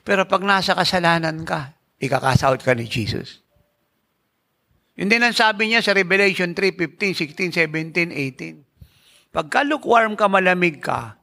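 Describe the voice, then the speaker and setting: High, gravelly preaching man. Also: bright, forceful tone. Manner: emphatic preaching, rhetorical questions to the congregation; mixes in English phrases. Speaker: pastor. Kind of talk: sermon.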